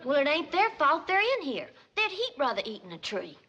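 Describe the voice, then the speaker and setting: An actress playing a gentle, plain-spoken young country girl with a rural Southern accent. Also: sits high, huge pitch swings, brisk, dull audio, very noisy. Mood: earnest.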